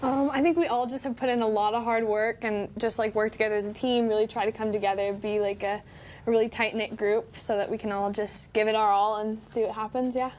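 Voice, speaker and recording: A woman's voice: fairly high pitch, fairly even intonation, a little fast, darkish tone, a little hiss or hum. A teenage young woman giving casual answers in an interview as a student athlete. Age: teens.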